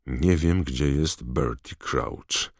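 A man reading aloud, voicing a stern old male wizard headmaster who gives firm, measured commands. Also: a bass voice, no echo, clean studio sound, exaggerated voice.

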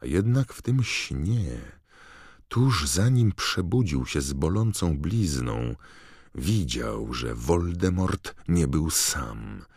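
A man narrating an audiobook in a measured, dramatic storytelling manner. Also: rumbling low, sing-song, gravelly, a little mellow, husky, no echo, clean studio sound. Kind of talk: scripted narration.

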